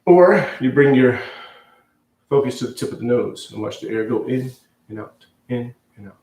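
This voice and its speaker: A man teaching meditation in a loose, unscripted way, guiding slow breath counting in short, repeated phrases. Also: mid-range voice, lively intonation, creaky, a little mellow. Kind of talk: guided meditation instruction, loosely ad-libbed. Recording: echoey room, distant from mic.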